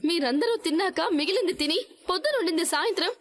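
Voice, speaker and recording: A wronged young daughter-in-law in a TV serial. She speaks in a very high voice at a rapid clip. Her tone is indignant and pleading. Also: expressive, fairly bright tone. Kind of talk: TV serial acting.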